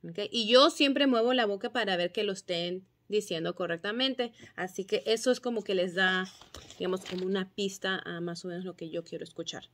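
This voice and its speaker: A woman teacher patiently explaining phonics drills and sounding out syllables and letter sounds clearly. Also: mid-range voice, fairly quick, fairly bright tone. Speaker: kindergarten teacher.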